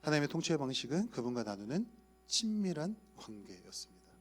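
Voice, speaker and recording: Playful, animated male preacher. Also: a little high, brisk, slightly rough, soft background music. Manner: playful, asks the audience questions. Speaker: youth pastor. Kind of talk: sermon to young adult leaders.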